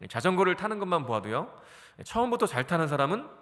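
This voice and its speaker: A man in his forties preaches to a congregation and keeps asking them questions, then answers them himself. His voice is bright and rises and falls a lot. It rings out with the long reverb of a church hall. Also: high voice, very animated, fast. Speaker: pastor. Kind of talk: sermon. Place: church sanctuary.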